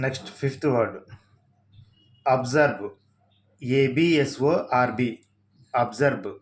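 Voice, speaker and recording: A man with a Telugu accent teaching English vocabulary, reading out each word, spelling it letter by letter and giving its meanings. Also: medium pitch. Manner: spells words out letter by letter, slowly. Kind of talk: slow vocabulary lesson.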